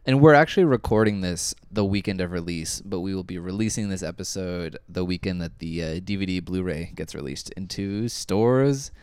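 A man's voice: deep voice, moderate pace, hardly any pauses, a little mellow, smooth, no room sound. A man co-hosting a podcast in a casual, wry, joking review chat. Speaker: podcast co-host.

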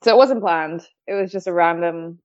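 A woman from Canada chatting in a relaxed interview, laughing often and using lots of fillers. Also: fairly low pitch, moderate pace. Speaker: guest. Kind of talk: casual conversation. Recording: dull lo-fi audio.

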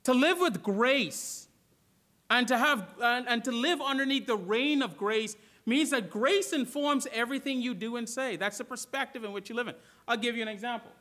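A man's voice: very high voice, normal speed, pushed and bright. A man from the Bahamas preaching a sermon as pastor, earnest and questioning, often repeating and restarting his words.

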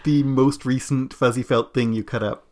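A man's voice: medium pitch, steady tone, normal speed, darkish tone. A man co-hosting a podcast in casual chat, playful as he wraps up the show. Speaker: podcast co-host.

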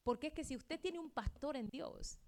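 A middle-aged woman pastor preaching a sermon, acting out quoted dialogue and swinging between loud outbursts and hushed asides. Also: sits high, expressive, moderate pace.

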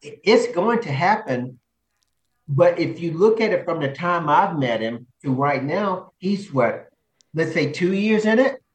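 A man coaching and co-hosting, telling stories in a casual chat, animated and laughing often. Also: fairly high pitch, unhurried, roomy sound, far from the mic. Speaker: coach and podcast co-host.

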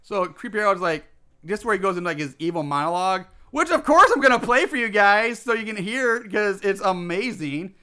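High-voiced man casually recapping a film. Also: expressive, bright, forceful tone, clear, resonant tone. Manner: halting, informal retelling with quoted lines. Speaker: podcast co-host. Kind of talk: casual movie recap chat.

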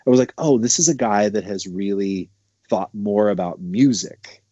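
A man in his thirties from Montana, a bass player talking loosely with lots of fillers. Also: moderate pace, mellow, dry recording, muffled recording. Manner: loose, rambling storytelling with many fillers. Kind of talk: casual conversation.

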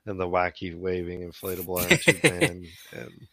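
A man's voice: deep voice, expressive, normal speed, pushed and bright, no room sound. A man co-hosting an online talk show, chatting casually with wisecracks and profane asides. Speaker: podcast co-host. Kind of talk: casual chat.

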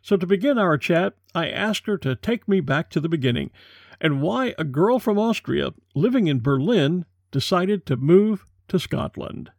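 An American man hosting a podcast, reading a measured, scripted introduction. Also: sits high, animated, darkish tone, no echo, studio quality. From USA. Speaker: podcast host.

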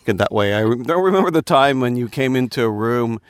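A man riffing with friends in a parked car, joking and teasing in casual vlog chat. His pitch swings widely as he talks, lively and animated. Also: brisk, clear, resonant tone. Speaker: vlog co-host.

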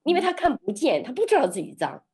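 A middle-aged woman guest in an interview, sharing a personal testimony as an expressive, animated storyteller. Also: sits high, fast talker, husky. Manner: expressive, lively storyteller who laughs often.

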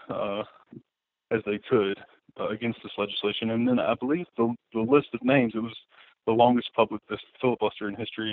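A guest artist speaks in a fairly low-pitched male voice with no echo, rambling casually through an interview with lots of fillers and restarts. The line sounds tinny, like a phone.

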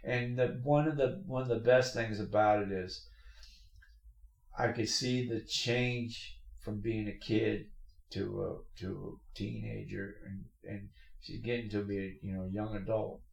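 This middle-aged man hosts a podcast from a workshop full of machines, his gravelly, fairly low voice staying fairly level and unhurried. His chat is loose and story-driven, with many restarts and laughter, captured in an echoey, roomy shop.

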